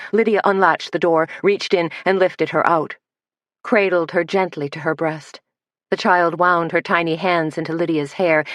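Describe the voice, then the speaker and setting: A woman reads a mystery novel aloud, her voice low and steady. The recording is close and dry, with no room sound. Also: dry recording. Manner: steady, measured reading. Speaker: audiobook narrator. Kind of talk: scripted narration.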